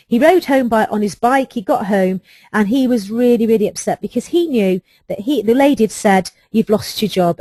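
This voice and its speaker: A woman's voice: mid-range voice, a little mellow, dry recording. A middle-aged woman, an HR trainer giving a webinar, recounting a workplace case in an earnest, emphatic way. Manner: earnest, emphatic storytelling with rhetorical questions.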